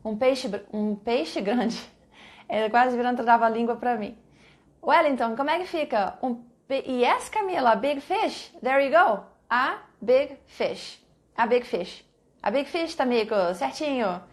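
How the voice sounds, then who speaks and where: A woman teaching English to Brazilian students in a live online class. Her voice sits somewhat high, and she patiently repeats each example slowly, praising her students by name as they answer.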